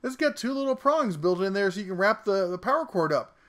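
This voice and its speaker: A man's voice: sits high, animated, fairly quick, a bit bright. Wisecracking man reviewing tools. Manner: wisecracking, talks while working. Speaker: tool reviewer host. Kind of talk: casual product review. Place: home workshop garage.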